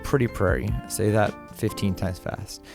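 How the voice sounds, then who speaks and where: A man's voice: fairly low pitch, unhurried, music in the background. A man narrating his vlog in voice-over, rambling, with many fillers and restarts. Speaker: vlog host.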